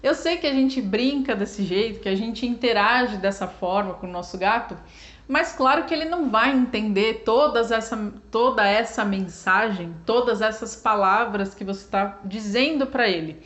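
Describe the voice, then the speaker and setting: A woman's voice: on the high side, moderate pace, fairly bright tone. A Brazilian woman explaining cat behavior in a chatty, informal way, often adding little tag questions and acting out what pet owners say. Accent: Brazilian Portuguese. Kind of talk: casual explanatory talk to camera.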